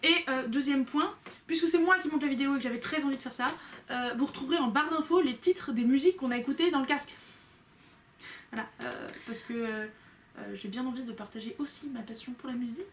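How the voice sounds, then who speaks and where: A woman's voice: high-pitched, quick pace, slight background noise. A young woman chatting casually with a friend on a video call, teasing and often dropping to a murmur. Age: young adult. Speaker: co-host. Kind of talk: casual chat.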